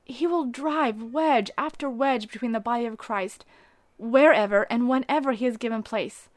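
A woman's voice: a little high, normal speed, no room sound. Earnest woman reading a devotional. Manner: earnest, rising to emphatic preaching on key phrases.

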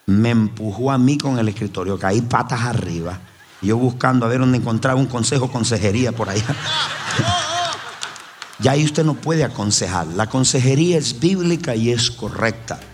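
A man preaching a sermon as pastor, telling stories emphatically with his voice swinging high and low. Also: a little fast, noisy background. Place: church hall. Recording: roomy hall reverb with faint ambience.

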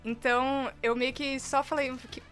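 Casting: young São woman, quick and high-voiced, giggly storyteller, light music underneath. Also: a bit bright. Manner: giggly, tells stories with acted-out quotes. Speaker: podcast co-host. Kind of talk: casual chat.

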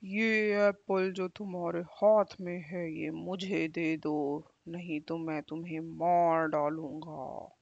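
Deep, slow, menacing storybook wolf, voiced by a woman. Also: steady tone, creaky, darkish tone, dry recording, lo-fi sound, heavily acted. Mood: threatening. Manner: slow, threatening. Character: big hungry male wolf.

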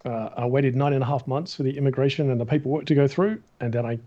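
Australian man with a mellow voice. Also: mid-range voice, quick pace. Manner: animated, acts out the voices of people in his stories. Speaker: guest, matte painter. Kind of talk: casual interview storytelling. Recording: dull, muffled recording.

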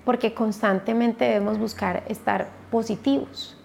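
A woman, a podcast guest and mother, telling her personal story in a halting way with many restarts. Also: fairly high pitch, fairly even intonation, creaky, darkish tone, slight background noise.

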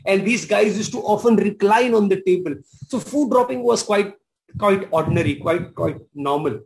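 A man's voice: high-pitched, normal speed, vocal fry, poor audio. A man preaching a sermon as pastor, emphatic and repeating his key phrases with exclamations.

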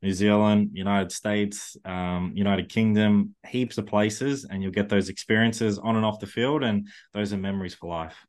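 A man's voice: on the low side, fairly even intonation, moderate pace, hardly any pauses, darkish tone. A man speaking casually as a podcast host in an interview chat.

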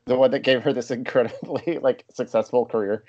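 A man's voice: mid-range voice, fairly even intonation, a little fast, darkish tone, lo-fi sound. A man co-hosting a podcast, joking in casual chat with rambling asides. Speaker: podcast co-host.

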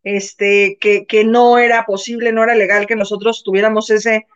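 A Mexican woman co-hosting a casual live show, telling an animated story and acting out the people in it. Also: mid-range voice, normal speed, clean tone. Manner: animated, acts out voices in her anecdotes. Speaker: co-host. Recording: muffled lo-fi sound.

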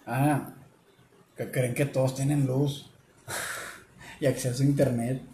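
A man with a Mexican accent, chatting casually on a podcast in a relaxed, slangy way. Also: medium pitch, takes it slowly, slight background noise. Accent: Mexican Spanish. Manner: laid-back, slangy backchannels. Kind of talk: casual chat. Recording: echoey room.

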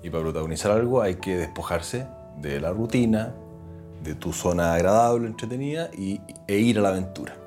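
A man with a Chilean Spanish accent speaks in a fairly low voice, earnest and animated as he tells his story. He sits as a guest in a relaxed interview and acts out other people's voices when he retells a scene. Faint guitar music plays underneath. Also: fairly quick. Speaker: interview guest, actor and TV presenter. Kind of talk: reflective conversational storytelling.

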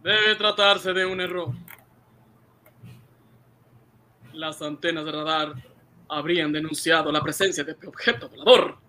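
A man's voice: on the high side, steady tone, moderate pace, pushed and bright, slight background noise. A male actor playing a scornful, suspicious military colonel in an emphatic old radio drama style. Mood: dismissive.

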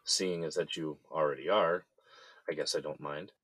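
A man playing a guarded, deep-voiced inmate. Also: fairly even intonation, moderate pace, fairly bright tone, husky, no room sound, full character voice. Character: wary young male inmate, guarded. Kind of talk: audio drama acting.

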